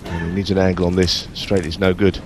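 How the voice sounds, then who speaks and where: A man giving hushed live snooker commentary in measured, analytical asides between shots. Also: deep voice, level tone. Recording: noisy arena with audience behind. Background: audience and hall noise.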